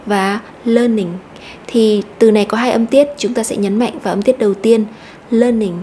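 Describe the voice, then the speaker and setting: A woman teacher explaining an English lesson step by step, slowly repeating each word to stress. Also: mid-range voice, steady tone, dark tone, a little hiss or hum. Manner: methodical, repeats words slowly.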